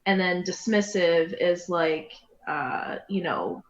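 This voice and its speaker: A talkative woman co-hosting a casual podcast, explaining things in long runs full of "like". Her voice sits a little low. The recording is roomy and a bit muffled, with a faint hiss behind her. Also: slow. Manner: talkative, explains with many fillers. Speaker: podcast co-host, therapist. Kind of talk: casual chat. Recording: roomy, dull, slight hiss.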